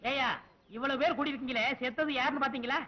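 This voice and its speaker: A greedy, chatty village conch blower, rapid and high, dull old film audio. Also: male voice, fairly even intonation. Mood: cheeky. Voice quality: brash, comic.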